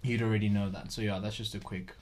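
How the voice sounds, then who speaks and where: A man's voice: fairly low pitch, level tone, fast, a little mellow. A man in his twenties co-hosting a podcast, chatting casually and joking with frequent laughs. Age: 20s. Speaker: podcast co-host. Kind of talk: casual chat.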